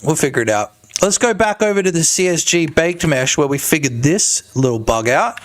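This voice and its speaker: A man's voice: on the high side, animated, moderate pace. A man streaming his game development work, chatting casually and joking with his viewers while he works. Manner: chatty, joking, talks to chat. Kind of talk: casual livestream commentary.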